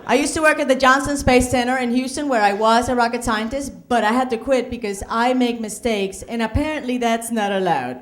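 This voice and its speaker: A woman's voice: on the high side, fairly quick, hardly any pauses. A middle-aged woman from Puerto Rico with a Puerto Rican accent performing a stand-up comedy set, with punchy delivery and Spanish asides. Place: comedy club stage.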